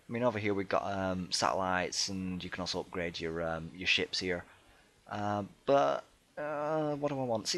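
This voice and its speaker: A man with a somewhat low voice walks through a strategy game in casual commentary. He talks hesitantly, filling gaps with ums and restarting sentences. He pokes fun at himself in a chatty, easygoing way. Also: a bit bright. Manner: self-deprecating and chatty. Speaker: let's play gamer.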